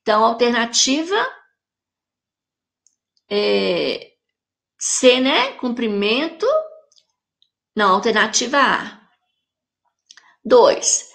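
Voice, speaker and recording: A woman with a Brazilian Portuguese accent teaching a recorded grammar lesson for children, explaining slowly and carefully to her pupils. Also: fairly high pitch, lively intonation, vocal fry, a bit bright.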